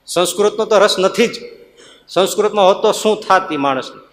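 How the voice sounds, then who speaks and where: Swami, animated storytelling sermon, fairly high voice, long hall reverb. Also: male voice, a little fast. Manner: animated, acts out villagers' voices, chuckles. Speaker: swami giving a discourse.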